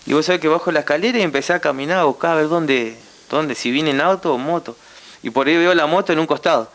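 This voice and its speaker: A young Argentine man with a Rioplatense accent shares a heartfelt personal testimony as a guest, speaking haltingly and repeating tag questions often. His voice is rather high and fairly bright.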